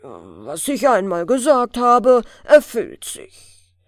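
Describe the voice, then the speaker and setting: A woman voicing a stern male fir-tree spirit, a little gnome grown huge, who scolds loudly and slowly in a storybook. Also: big pitch swings, dry recording, studio quality. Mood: stern, relenting. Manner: booming, scolding, slow and solemn.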